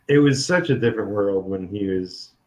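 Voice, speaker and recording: This man has a lowish voice, speaks at a normal pace, and carries a New York accent as he hosts a relaxed comics livestream. He rambles, keeps restarting his sentences, and laughs between remarks.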